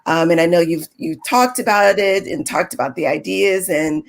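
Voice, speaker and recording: A woman's voice: on the low side, moderate pace, vocal fry, a little hiss or hum. A woman hosting an artist conversation over a video call, upbeat and enthusiastic, chatty with frequent fillers. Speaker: gallery host.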